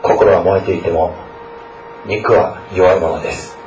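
Low-voiced guy preaching to students, earnest, kinda far from the mic, echoey room. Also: fairly even intonation, a little slow, darkish tone, a little hiss or hum. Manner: earnest, often adds a questioning tag to sentences. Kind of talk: scripture reading, prayer and sermon.

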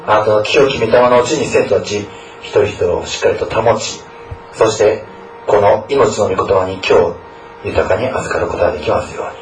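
With a lowish voice at normal speed, a male school chaplain prays and preaches to students, reading scripture along the way. He is earnest and habitually adds a questioning tag to his sentences. There's slight background noise, an echoey room and a distant mic.

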